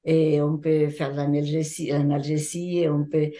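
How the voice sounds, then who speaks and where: Older Mexican woman, slow and mellow. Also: deep voice, little pitch movement. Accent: Mexican Spanish. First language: Spanish. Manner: thoughtful, searching for words in French. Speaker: hypnotherapist and trainer. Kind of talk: interview answers.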